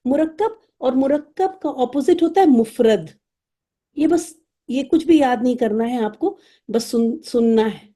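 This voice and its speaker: Husky-voiced woman teaching Arabic slowly. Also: high-pitched, expressive, mellow. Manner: patient, repeats each word slowly, mixes English terms into Urdu. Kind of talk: online lesson, explaining vocabulary.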